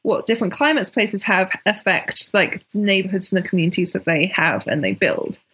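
A woman's voice: medium pitch, expressive, moderate pace, fairly bright tone, husky. A woman hosting a podcast, asking questions in a casual chat with many short encouragements. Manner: encouraging, frequent short backchannels. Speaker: podcast host. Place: outdoors in a city neighborhood.

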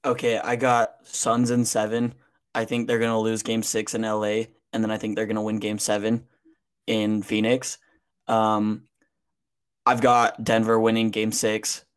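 A man co-hosting a casual sports podcast, giving measured opinions and pausing often with ums. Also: on the low side, monotone, smooth. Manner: measured, pauses with frequent ums.

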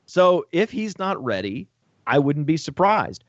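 A somewhat high-voiced man rattles on about fantasy football in an excitable, joking way, tossing in profane asides. His audio is dull and lo-fi. The sound is close and dry, with no room around it. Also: unhurried, no room sound. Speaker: fantasy football podcast panelist. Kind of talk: casual sports podcast chat.

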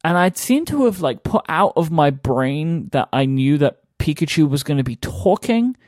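A man's voice: a little high, very animated, normal speed, darkish tone, dry recording. Man, podcast co-host, casual chat, rambling, filler-heavy, dry close mic.

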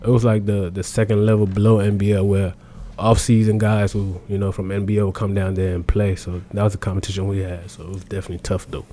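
A man's voice: lowish voice, level tone, fast, few pauses, warm tone, slight background noise. A young man from South Sudan, raised in Australia, talking casually as a basketball player guest in a laid-back, slangy way. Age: young adult. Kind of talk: casual interview.

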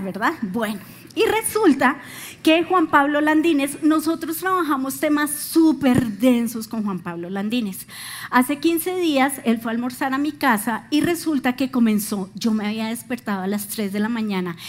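Lively Colombian woman preaching. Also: fairly high pitch. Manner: animated storytelling, acting out quoted voices. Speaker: pastor. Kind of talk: sermon.

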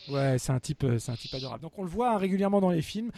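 A man's voice: on the high side, expressive, very fast, dark tone, a little hiss or hum. A man hosting a film music podcast, telling a long anecdote in a casual, rambling way with many fillers and restarts. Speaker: podcast host. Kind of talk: casual storytelling chat.

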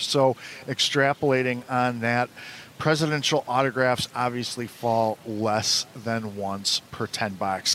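A man hosting a trading card box-opening show, presenting products and chatting casually. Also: a bit bright. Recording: noisy, with low rumble.

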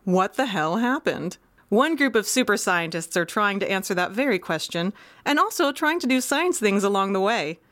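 A woman as earnest science reporter, lively intonation, close dry sound, parody radio news. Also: mid-range voice, normal speed, no room sound, natural voice. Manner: animated reporter delivery. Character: earnest female post-apocalyptic radio science correspondent.

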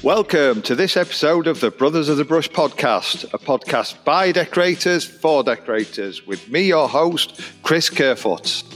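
A man's voice: a little high, animated, moderate pace, a bit bright, faint music behind. A man hosting a podcast in a casual, blunt and jokey way, with some mild swearing. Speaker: podcast host. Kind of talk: casual chat.

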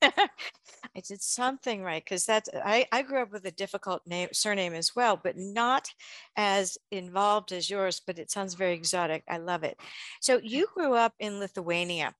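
A woman's voice: medium pitch, normal speed, a bit bright, no room sound. A woman hosting a health radio show, leading a chatty interview.

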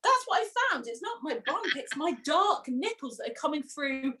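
A woman's voice: high voice, big pitch swings, normal speed, bright, forceful tone. A young woman in casual chat, laughing often and acting out what people said to her. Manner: chatty, laughs often, acts out quotes. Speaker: podcast guest.

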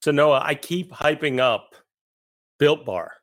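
A man's voice: a little high, lively intonation, slow, a bit bright. A man in his thirties, co-hosting a sports podcast, talking casually with frequent stammered restarts and the odd joke, and reading an ad. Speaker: podcast co-host. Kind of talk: casual sports talk with host-read ad.

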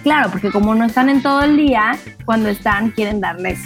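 Slangy Mexican woman, bright high voice. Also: brisk, soft background music. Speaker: podcast co-host, mother. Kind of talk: casual chat.

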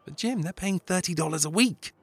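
A man's voice: sits high, breathy edge, dry recording, soft background music, pitched above the performer's own voice, exaggerated voice. A man playing an eager, pushy young co-worker. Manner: excited, fast and persuasive.

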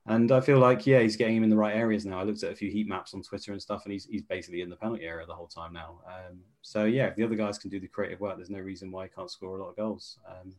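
Co-host, man, low voice, rapid opinionated football chat. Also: steady tone, darkish tone. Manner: quick, opinionated, talks in long runs. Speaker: podcast co-host.

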